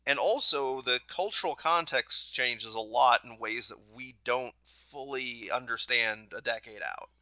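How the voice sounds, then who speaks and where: Very bright-toned man musing casually. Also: mid-range voice, a little slow, few pauses, no room sound. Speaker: podcast co-host. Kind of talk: casual chat.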